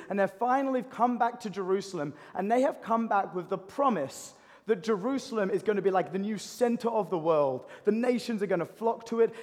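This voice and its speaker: A man preaching a sermon, animated and building to impassioned pleading. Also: sits high. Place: church hall. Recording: long hall reverb.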